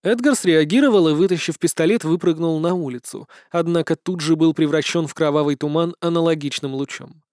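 Expressive male audiobook narrator. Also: fairly high pitch, fairly quick, dry recording, studio quality. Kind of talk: scripted first-person narration.

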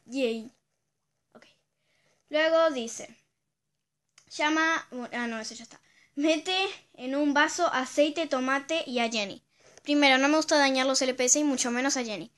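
Bright high-voiced girl. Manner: chatty, giggly, lively reactions. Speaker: channel host. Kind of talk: casual chat reading viewer dares. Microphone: phone.

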